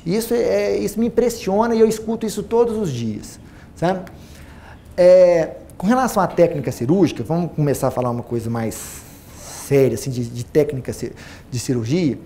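A man in his forties with a Minas Gerais accent, a plastic surgeon giving an animated seminar talk to a large audience on a lapel mic, repeating phrases for emphasis. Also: a little high, slight background noise. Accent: Brazilian Portuguese, Minas Gerais. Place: auditorium stage with a large audience.

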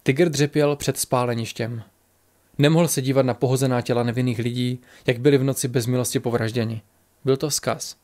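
A man narrates a fantasy audiobook in an even, measured way. His voice sits at an ordinary middle pitch for a man.

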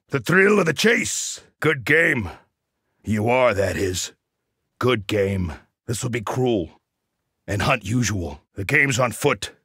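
A cocky hunter mercenary from a video game, with a husky voice that has a bright, forceful edge. He throws out combat barks and dry, sardonic taunts, swinging widely in pitch. The sound is dry and close. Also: no echo, full character voice. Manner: wry, sardonic, punning. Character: cocky Alaskan big-game hunter mercenary, wry predator.

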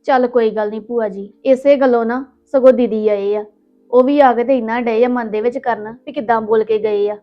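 A woman's voice: fairly high pitch, steady tone, moderate pace, natural voice. A woman playing a polite, conciliatory young wife in a Punjabi village family drama, speaking with a Punjabi accent. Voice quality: soft, soothing, polite. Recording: dull lo-fi with music.

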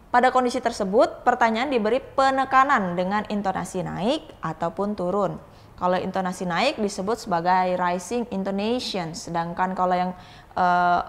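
A woman English lecturer giving a recorded video grammar lesson in a casual, explanatory way, often pausing on "eh" and slowing to stress example phrases. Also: mid-range voice. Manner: casual explanatory teaching with frequent "eh" fillers and tag-like "gitu ya".

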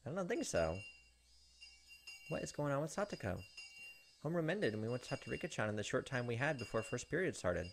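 Big pitch swings, a brisk delivery and long pauses mark this mid-range male voice. He's a let's play host reading visual novel narration aloud with asides into a close desk microphone, accompanied by game music.

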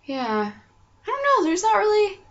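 A woman's voice: extremely high pitch, huge pitch swings, unhurried. A woman in her twenties chats casually as a vlog host at home, rambling playfully and acting out what she describes. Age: 20s. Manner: playful, rambling, acts out sounds and quotes. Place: small furnished room at home, indoors. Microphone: computer webcam mic at arm's length. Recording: dull lo-fi webcam sound.

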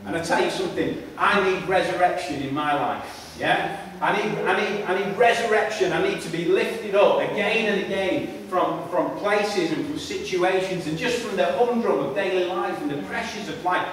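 A man's voice: sits high, moderate pace, a bit bright, slight background noise. A man preaching a sermon, emphatic and repetitive, often restarting his phrases. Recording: echoey hall, voice from far off.

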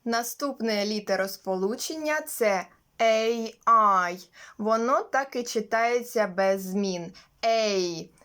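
A woman teaching English phonetics, explaining each letter combination slowly and carefully and sounding out every example word. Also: mid-range voice. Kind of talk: slow instructional explanation.

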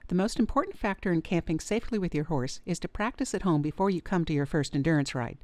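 Woman narrator, vet, lowish voice, calm and measured, dry close voice-over. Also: no echo. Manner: calm, measured, clear advice. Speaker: veterinarian narrator. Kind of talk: scripted instructional narration.

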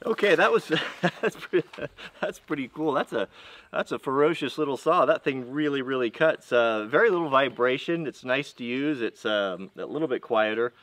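A man's mid-range, fairly bright voice comes across as animated while he tests chainsaws in a yard next to a tractor. The vlogger, in his forties, gives a casual hands-on demo that's rambling and halting, packed with restarts and fillers.

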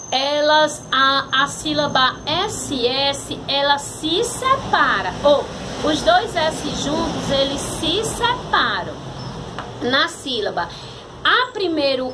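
A Brazilian woman teaching a grammar lesson to young children, speaking slowly and patiently and sounding out syllables one by one. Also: sits high, a bit bright, slight background noise. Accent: Brazilian Portuguese. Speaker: primary school teacher.

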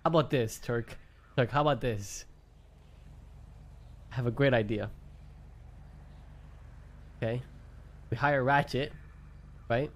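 A man's voice: medium pitch, slow, long pauses. A man chatting casually in a role-play game, pushy and scheming, swearing freely. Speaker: streamer playing a role-play character.

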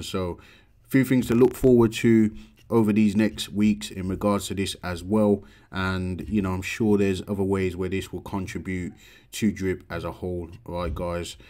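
A man's voice: low voice, moderate pace. A man in his thirties hosting a casual screen-share tutorial from a room at home, talking into a desk webcam setup. He walks through each step with frequent "um" and "uh" and closes almost every point with "okay, guys" or "all right, guys?". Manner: steady explanatory walkthrough with frequent "um" and "uh". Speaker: crypto channel host.

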